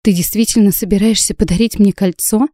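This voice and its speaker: A woman's voice: medium pitch, steady tone, brisk, mellow, no room sound, clean studio sound, close to an everyday voice. Woman playing a stubborn, sarcastic young heroine. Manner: indignant, sarcastic retorts.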